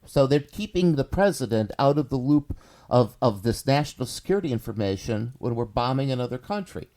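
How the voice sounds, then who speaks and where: Brief: middle-aged male podcast co-host, mellow dark tone, indignant and emphatic. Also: mid-range voice, lively intonation, a little fast. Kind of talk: casual podcast chat.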